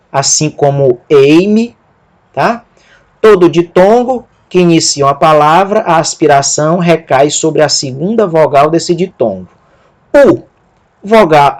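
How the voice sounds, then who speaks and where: A man giving a Greek lesson, spelling out letters one by one and repeating words slowly. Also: a little high. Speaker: Greek teacher. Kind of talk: slow spoken lesson.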